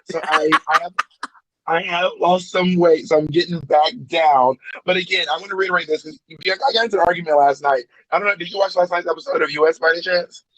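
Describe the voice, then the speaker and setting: A man's voice: fairly high pitch, steady tone, fast, a bit bright, rough recording. A man co-hosting a podcast in casual chat, telling stories in a playful, joking way. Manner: playful storyteller, jokey. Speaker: podcast co-host.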